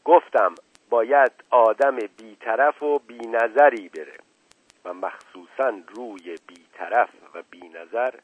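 A man's voice: medium pitch, husky, no echo, close to an everyday voice. A man voicing an older family patriarch who speaks in an imperious, indignant tone. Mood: commanding. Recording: tinny phone-like dry recording.

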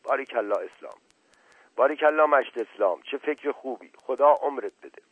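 A man's voice: medium pitch, expressive, husky, dry recording, voice pushed up. A man voicing a puzzled village headman who exclaims in a raised voice. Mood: bewildered. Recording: tinny phone-like dry recording.

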